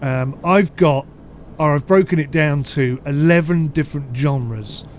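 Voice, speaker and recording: A man's voice: on the high side, a little slow, slight background noise. A man casually commenting on a ship simulator during a live stream, chatty and self-deprecating, reading chat comments aloud.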